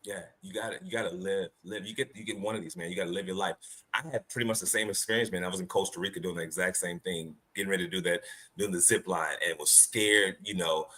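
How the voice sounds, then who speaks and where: Male podcast host; very deep, forceful tone, encouraging, repetitive "man" phrasing. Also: fairly even intonation, quick pace. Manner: affirming, repeats phrases, says "man" often. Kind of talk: casual podcast interview.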